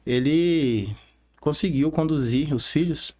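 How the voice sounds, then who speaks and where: A man in his thirties with a Rondônia Brazilian accent, a bank manager chatting as a podcast guest, earnest and halting, tagging lines with "né?". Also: a little high, darkish tone. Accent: Rondônia Brazilian Portuguese. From Bahia, Brazil, raised in Rondônia. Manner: earnest, frequent "né?" tags, halting restarts. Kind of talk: casual interview talk.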